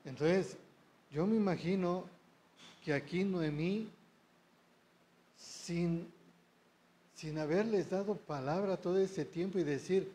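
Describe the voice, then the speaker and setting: A man's voice: sits high, takes it slowly, pauses often, warm tone. A man preaching a sermon, often checking in with the congregation through short rhetorical questions.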